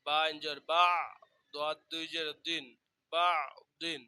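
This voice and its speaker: A man's voice: a little high, flat delivery, a little slow, bright, forceful tone, clean tone, dry recording. A man teaching Quran reading with a Bangladeshi Bengali accent, spelling out each letter and vowel mark and then repeating the blended syllable. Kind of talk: slow spelled-out recitation drill.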